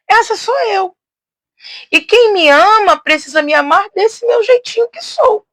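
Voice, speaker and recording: A high-voiced woman teaching in a casual, outgoing way. She speaks loudly and expansively, often adding tag questions and restarting her sentences. The sound is dry, with no room echo. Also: lively intonation, unhurried. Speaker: teacher and host. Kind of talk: casual teaching on faith and psychology.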